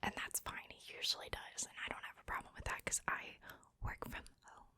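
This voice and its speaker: A woman's voice: fairly quick, pushed and bright, no room sound. A woman whispering breathily, very close to the ear, in a casual ASMR chat. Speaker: ASMR video maker. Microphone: very close to the mic, ear to ear.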